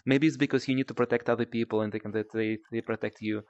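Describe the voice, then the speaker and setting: Male interviewer, thoughtful, halting, dry close sound. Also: mid-range voice, steady tone, darkish tone, no echo, lo-fi sound. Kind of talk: casual interview chat.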